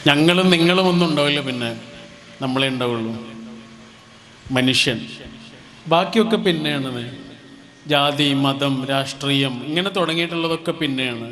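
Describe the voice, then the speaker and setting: A man with a slightly high voice gives a motivational speech at a community gathering. He speaks gently and thoughtfully, setting out short phrases one after another with pauses in between. The tone is calm and conversational rather than a loud address. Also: a little hiss or hum.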